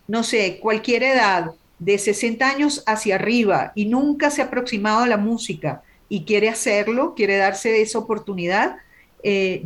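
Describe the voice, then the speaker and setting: A woman from Ecuador, a musician and music teacher chatting as an interview guest and often tagging "¿no?". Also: mid-range voice. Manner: chatty, adds "¿no?" often and spells things out slowly. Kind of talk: casual interview chat.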